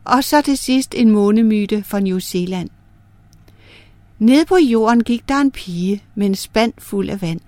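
A woman narrating folk myths as a storyteller, in a lively, clear way. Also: mid-range voice, no room sound.

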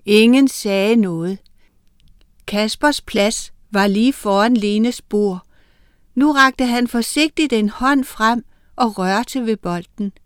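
A woman author reading a children's story aloud on the radio in a clear, measured storytelling manner. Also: on the high side, no room sound, clean studio sound.

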